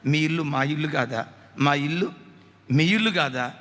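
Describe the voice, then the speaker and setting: A man voicing a trusting widowed sister-in-law who gently agrees to lend her money. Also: fairly high pitch, normal speed, big-room sound, pitched below the performer's own voice, natural voice. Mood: tender.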